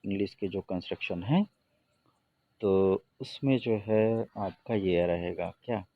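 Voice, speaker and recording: Low-voiced man teaching English grammar. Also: no echo, phone-quality sound. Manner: explains in Hindi, reads English examples slowly and deliberately. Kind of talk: Hindi-medium grammar lesson.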